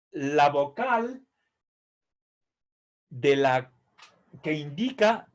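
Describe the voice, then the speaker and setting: A middle-aged man teaching a Latin grammar lesson, patiently explaining and repeating verb forms, checking in with "¿sí?" after each point. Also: on the high side. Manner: drills verb forms slowly, syllable by syllable. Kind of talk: slow classroom explanation.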